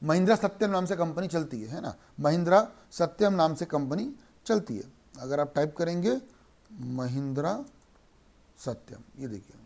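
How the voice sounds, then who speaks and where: A man's voice: a little high, expressive, gravelly, a little mellow. Man teaching law, asking and answering. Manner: asks questions and answers them himself, mixing Hindi and English; slows right down to read English lines aloud. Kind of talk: online lecture.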